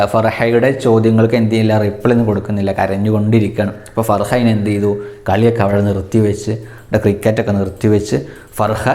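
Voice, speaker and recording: A man's voice: on the low side, darkish tone. A man teaching a children's language lesson, telling a story and imitating animal sounds for the class to repeat. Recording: echoey room.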